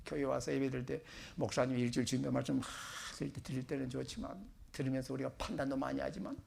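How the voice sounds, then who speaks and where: Gravelly middle-aged Korean pastor preaching. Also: male voice, fairly high pitch, slight background noise. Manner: chatty, self-joking preacher with sudden loud emphasis. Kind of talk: sermon. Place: church sanctuary.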